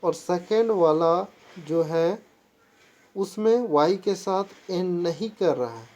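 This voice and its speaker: In a muffled recording, a woman with a low, slightly mellow voice and lively intonation teaches English grammar in classroom style. She switches between Hindi and English, spells words one letter at a time, and reads English rules slowly and haltingly.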